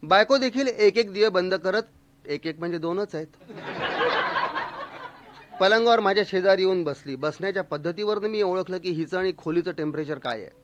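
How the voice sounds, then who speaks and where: A man telling a humorous story in a lively, expressive, mock-dramatic way. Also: high-pitched, normal speed, background noise.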